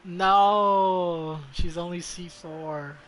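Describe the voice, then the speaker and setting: Speaking extremely slowly in a high, steady voice, this game streamer is heard over music with a clearly noisy background. He comments casually on his gameplay, bluntly and with plenty of swearing, frequently muttering under his breath.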